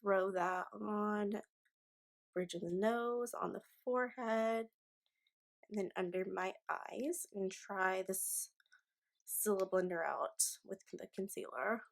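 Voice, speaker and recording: A woman's voice: medium pitch, takes it slowly, gravelly. A tipsy woman in her twenties chatting casually to camera as a beauty vlogger, with informal, slangy delivery. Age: 20s. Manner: informal, sweary, effusive slang. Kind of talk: casual makeup tutorial chat to camera.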